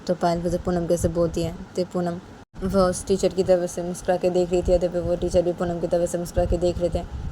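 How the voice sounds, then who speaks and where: A woman's voice: on the low side, completely flat delivery, brisk, warm tone, slight background noise. A woman casually narrating a story, retelling it plainly and repetitively.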